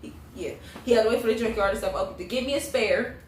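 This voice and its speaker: A woman's voice: fairly high pitch, quick pace. A young adult woman telling a personal story in casual, slangy, blunt vlog chat, swearing freely. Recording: roomy echo, distant mic, faint noise.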